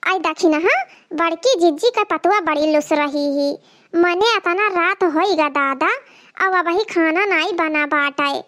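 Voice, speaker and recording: A woman voices a cartoon mother-in-law, an old village woman who endlessly nags and complains, in a scolding mood. The comedic performance is loud, with a broad Awadhi accent, a very high, shrill pitch and a slow, drawn-out delivery.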